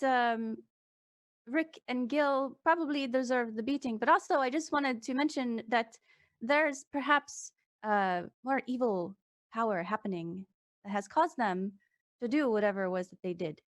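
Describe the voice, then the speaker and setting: A woman's voice: fairly high pitch, no echo, clean studio sound. A woman playing a tabletop fantasy game, improvising in character in a polite, hesitant manner.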